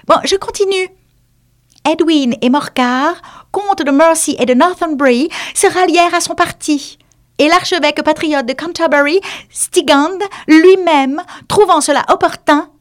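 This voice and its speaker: A woman's voice: extremely high pitch, moderate pace, voice pushed up. A woman voicing a small, self-important and touchy mouse in an audiobook reading. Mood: pompous, prickly. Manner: self-important storyteller, prickly. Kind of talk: audiobook character voice.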